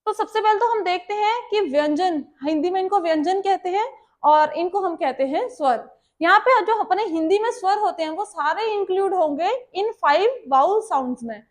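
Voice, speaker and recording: A woman's voice: extremely high pitch, expressive, moderate pace. A woman with an Indian accent, a Hindi speaker, teaching a grammar lesson and explaining step by step while often checking that the class understands.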